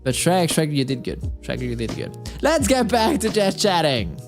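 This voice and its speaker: A man's voice: on the high side, huge pitch swings, moderate pace, over loud music. A tired man streaming live, chatting alone in a rambling, self-talking way. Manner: rambling, self-talking, frequent restarts and chuckles. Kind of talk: casual solo live-stream chat.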